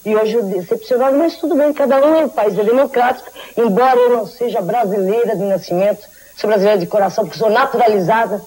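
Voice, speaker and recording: Argentine-born woman, high voice, worked up and talking fast, lapel mic in a studio. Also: mellow, husky, rough recording. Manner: agitated, rushed, indignant. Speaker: retired athlete giving testimony. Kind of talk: studio testimonial.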